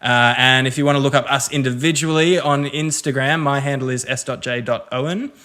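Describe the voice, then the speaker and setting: A man's voice: mid-range voice, fairly even intonation, a little fast, bright, forceful tone. A man co-hosting a casual comedy podcast, running through plugs and contact details with dry little asides. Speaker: podcast co-host.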